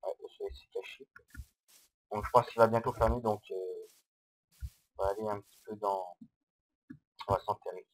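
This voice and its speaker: A man giving casual, hesitant gameplay commentary, explaining step by step on a low-quality microphone. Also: fairly even intonation, moderate pace, pauses often. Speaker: Minecraft let's-player.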